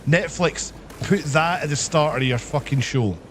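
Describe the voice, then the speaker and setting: A man streamer telling a story casually on a live stream, swearing heavily and animated in his retelling. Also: a little high, measured pace, a little hiss or hum.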